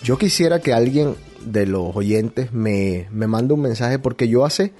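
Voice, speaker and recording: A man's voice: mid-range voice, expressive, unhurried, music in the background. Rambling Colombian man hosting a show. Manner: rambling, hesitant, with many restarts. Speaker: radio show host. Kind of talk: casual opinion monologue.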